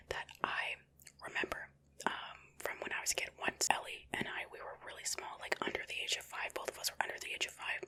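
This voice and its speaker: A woman's voice: sharp tone, low-quality recording. A woman whispering an ASMR reading, reacting casually with lots of "like" and "um". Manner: casual, chatty reactions full of "like" and "um". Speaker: ASMR channel host.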